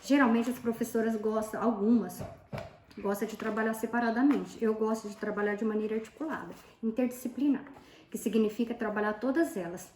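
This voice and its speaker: A woman's voice: on the high side, brisk, a little mellow, a little hiss or hum. A woman, a tutor explaining methods casually while showing worksheets and pointing things out. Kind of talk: casual teaching demonstration. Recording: echoey room, faint background.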